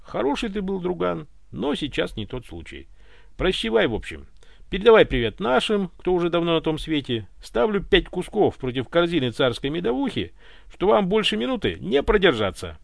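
A man's voice: high voice, huge pitch swings, normal speed, vocal fry, dry recording, clean studio sound, voice pushed up, exaggerated voice. A man voicing a cocky, mocking space smuggler in an audiobook, taunting as he talks. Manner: sneering, taunting.

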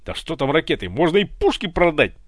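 A man voicing an eager, admiring young wingman pilot in an audiobook, excited and chatty. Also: a little high, fairly quick, no echo, pitched above the performer's own voice.

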